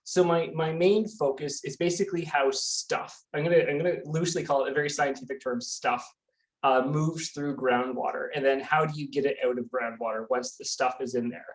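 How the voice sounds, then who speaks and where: A Canadian man speaks as a guest scientist in a casual online talk, his medium-pitched voice steady in tone and fairly quick. He often restarts and repeats words. He's at home near a busy street, using a computer mic on a video call.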